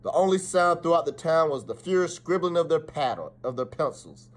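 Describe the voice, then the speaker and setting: A school principal in middle age reads aloud from a children's story, his fairly high voice sing-song and a bit fast. The reading is expressive and dramatic, with the odd stumble, recorded indoors in a small office on a phone or webcam at arm's length.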